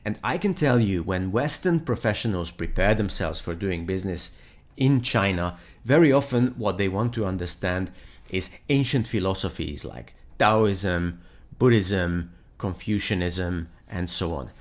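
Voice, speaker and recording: A man in his fifties from Hungary, giving a measured, explanatory business-culture lecture to camera in a living room. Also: low voice, animated. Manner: measured, explanatory, gestures with hands. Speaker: intercultural leadership trainer. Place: living room with brick wall.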